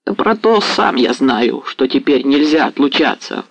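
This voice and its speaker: A man's voice: medium pitch, very animated, measured pace, creaky, no echo, full character voice, low-quality recording. A man voicing an eager young male cossack who talks in a rush of joy and sighs. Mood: sighing.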